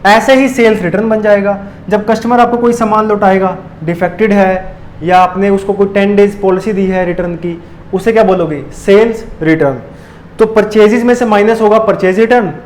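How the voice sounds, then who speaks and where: ऊँची आवाज़ वाला पुरुष शिक्षक, सवाल पूछकर खुद जवाब देता. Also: male voice, high voice, moderate pace, a little mellow, slight background noise, rough recording. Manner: asks questions and answers them himself. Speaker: commerce teacher. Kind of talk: classroom lecture.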